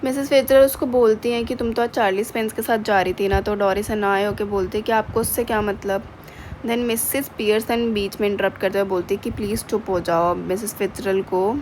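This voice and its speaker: A woman's voice: mid-range voice, steady tone, fairly quick, darkish tone, slight background noise, poor audio. A woman teacher explaining a play to students, reading English lines and explaining them in Hindi.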